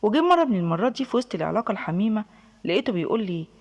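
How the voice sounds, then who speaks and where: A woman's voice: mid-range voice, sing-song, very fast, darkish tone. A young woman with an Egyptian accent telling a first-person story in a confiding, emphatic way.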